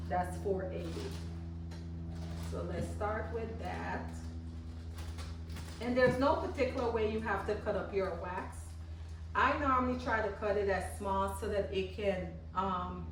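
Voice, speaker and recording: In a noisy setting, a mid-range-voiced woman from Guyana demonstrates candle making in her garage at home. She keeps up a casual, chatty commentary, loosely repeating herself as her hands stay busy. Cars pass and a lawn is being mowed outside, and the far-off mic catches plenty of garage echo.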